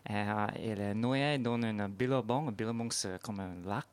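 A man's voice: lowish voice, moderate pace, clear, resonant tone, no room sound. Man speaking French. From Australia. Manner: short agreeing replies. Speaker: guest. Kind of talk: casual chat.

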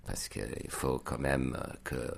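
An American man, a native English speaker, chatting in French as a learner, halting and searching for words. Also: a bass voice, vocal fry, slightly rough. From United States. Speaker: guest. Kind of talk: casual conversation in French as a learner.

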